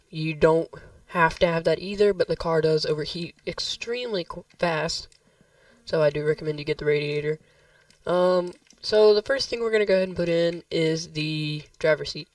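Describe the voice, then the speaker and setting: A man's voice: a little high, no room sound, recorded from a distance. A man hosting a casual gameplay tutorial, rambling and correcting himself as he talks to viewers, his voice a little worn. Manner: rambling, self-correcting, addresses viewers as guys. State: slightly losing his voice. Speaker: gaming tutorial host.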